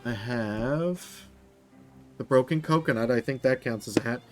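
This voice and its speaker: A man's voice: mid-range voice, a little slow, faint music behind. A man chatting casually through a let's play, with rambling, self-mocking asides. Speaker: gamer.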